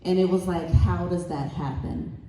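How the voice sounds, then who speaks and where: A woman's voice: lowish voice, steady tone, normal speed, mellow, a little hiss or hum. A woman speaking on a convention panel as the parent of a child who stutters, earnest and heartfelt. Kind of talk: panel discussion talk. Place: convention hall stage. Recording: echoey hall, voice far from mic.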